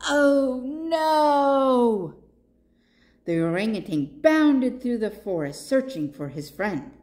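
Expressive woman reading to children. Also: mid-range voice, unhurried. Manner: expressive, asks listeners questions. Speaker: children's librarian. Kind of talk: picture-book read-aloud for children.

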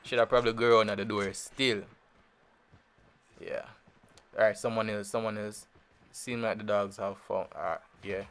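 Rambling through his mobile shooter session, this gaming channel host, a man with a Jamaican accent, fills the air with fillers and repetition in a relaxed manner. His low-leaning voice is a bit bright and fairly even in intonation, moving at normal speed with frequent pauses.

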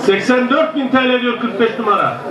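A man's voice: extremely high pitch, brisk. A man working as an auctioneer, calling out and repeating bids to bidders at a live sale. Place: open-sided outdoor sale ring. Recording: echoey distant PA with loud crowd. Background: loud crowd.

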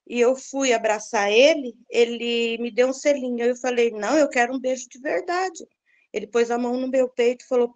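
A middle-aged woman, earnestly recounting a personal story and acting out the dialogue. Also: fairly high pitch. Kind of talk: personal testimony, casual storytelling.

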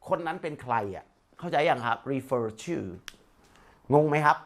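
Slightly high-voiced male English tutor. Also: fairly bright tone. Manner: explains in Thai, reads English slowly and carefully, encouraging. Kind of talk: one-on-one English lesson.

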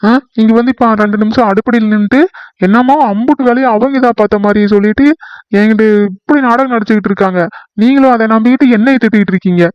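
Man doing a shrill, quarrelsome young village wife. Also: fast, smooth, dry recording, lo-fi sound, natural voice. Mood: indignant. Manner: shrill, accusing, indignant.

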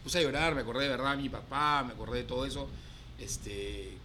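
A man with a Peruvian Spanish accent talks as a guest on a studio panel. His voice sits at a middle pitch, and his speech is emotional and rambling, with many fillers. A faint hum runs underneath. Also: brisk, bright, forceful tone. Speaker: racehorse owner guest. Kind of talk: casual studio chat.

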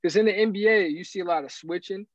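Man with a somewhat high voice, lo-fi recording. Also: quick pace, no echo. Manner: animated, rambling with restarts. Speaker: guest analyst. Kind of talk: casual sports talk. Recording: dry, dull lo-fi sound.

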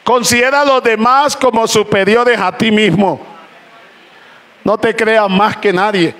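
A man preaching a sermon to a congregation, calling out praises between slow, emphatic phrases. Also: sits high, fairly even intonation, a bit bright, a little hiss or hum. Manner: impassioned preaching with repeated "aleluya" and "gloria a Dios". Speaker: pastor. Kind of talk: Spanish-language sermon. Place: church hall with congregation. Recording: church crowd faintly audible. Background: congregation responding "amén".

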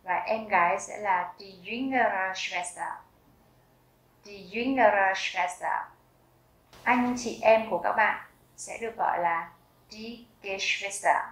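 Woman teacher, mid-pitched, unhurried, repeats every word with care; roomy echo around the voice. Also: a bit bright. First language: Vietnamese. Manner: slow, careful repetition of each word. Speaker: German language teacher. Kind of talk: vocabulary lesson with slow repetition.

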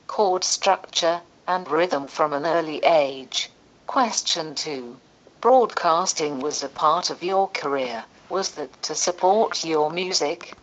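A female text-to-speech voice with a British English accent plays from an e-reader. It is pitched low and reads in an even, mechanical way. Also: low-quality recording. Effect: synthetic text-to-speech voice played from an e-reader.

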